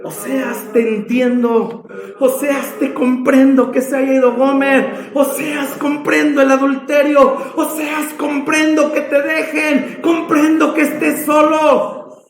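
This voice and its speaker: A man voicing God as a mighty but wounded divine voice who declaims and booms. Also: flat delivery, takes it slowly, reverberant, exaggerated voice. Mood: booming. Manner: booming, declaiming, shouting.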